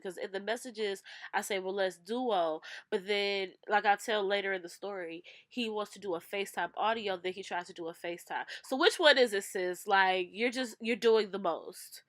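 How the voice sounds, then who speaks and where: A woman's voice: mid-range voice, brisk, hardly any pauses, bright, forceful tone, no room sound. A young woman vlogger adding chatty, incredulous commentary to her story. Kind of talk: casual storytime vlog.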